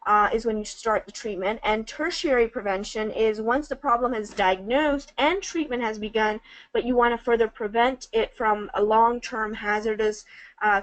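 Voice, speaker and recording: A woman's voice: fairly high pitch, no room sound, low-quality recording. A woman co-hosting a webinar, presenting a topic over a call with many ums and uhs. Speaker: webinar co-facilitator.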